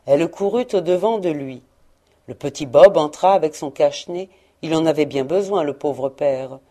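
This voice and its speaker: Mellow-voiced woman reading a tale. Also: sits low, moderate pace. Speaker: audiobook reader. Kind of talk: audiobook narration.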